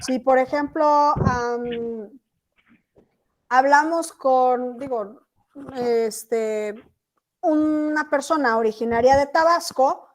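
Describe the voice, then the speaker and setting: Woman, teacher, from Chiapas in Mexico, high voice, online lecture, video call, keeps asking if students follow. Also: slow pace. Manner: checks in often with students, asking "¿sí?".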